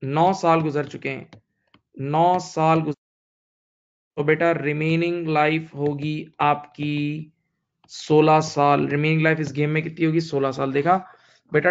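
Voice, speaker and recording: Through a muffled recording comes a fairly high-pitched male voice belonging to an accounting teacher in his thirties with an Indian English accent. In this online lecture he restates key points patiently, refers to his students as "beta," and works English terms into his Hindi.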